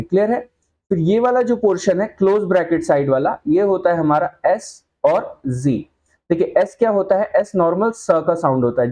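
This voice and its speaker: A man's voice: on the high side, warm tone. A man teaching a shorthand class, explaining patiently and often checking that the students follow. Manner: patient, checks understanding with repeated questions; spells out example sounds slowly. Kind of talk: whiteboard lesson explanation.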